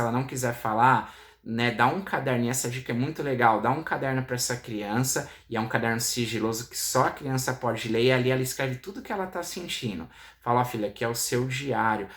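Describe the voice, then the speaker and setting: A man's voice: mid-range voice, fairly bright tone. A man giving advice to parents in a direct, repetitive way, often checking in with his listeners. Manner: direct, repeats points, checks in with "tá?". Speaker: parenting educator. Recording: echoey room.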